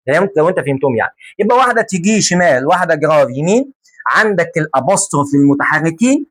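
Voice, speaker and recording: Speaking at a fairly high pitch, this Egyptian-accented man drills French vocabulary by repeating words slowly, all while keeping the lesson lively and full of jokes.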